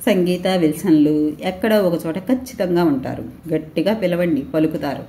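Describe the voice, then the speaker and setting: A determined police officer gives short, firm orders to his men , as a woman reads him. The voice is low and mellow in tone. It sounds echoey, as in a bare room. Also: moderate pace, lightly acted. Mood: stern. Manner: firm, commanding.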